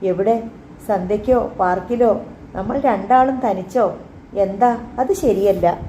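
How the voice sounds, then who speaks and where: A woman's voice: mid-range voice, measured pace, dark tone, slight background noise, lightly acted. A woman reading the lines of a reserved, guarded young man in an audiobook, giving short, hesitant replies. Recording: roomy, slightly dull recording.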